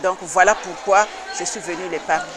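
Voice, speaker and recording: A woman's voice: lowish voice, steady tone. Earnest woman in a crowd. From Republic of the Congo. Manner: earnest and insistent, with hesitant pauses. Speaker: association president. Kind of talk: interview answers.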